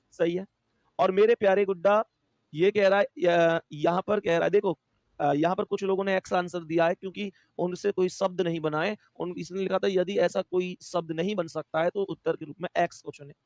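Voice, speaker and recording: A man's voice: sits high, no room sound, dull audio. A male teacher with a Hindi accent giving an online exam-prep class, explaining step by step, repeating himself and counting aloud to his students. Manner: addresses students warmly as dear friends.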